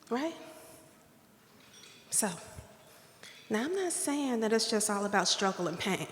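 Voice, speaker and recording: At a hotel ballroom awards dinner, the keynote speaker, a woman with a light and girlish voice, delivers a playful, sermon-like speech from a podium mic, prompting call and response. Her voice runs on the high side, the ballroom echoes with reverb, and there's a little hiss or hum.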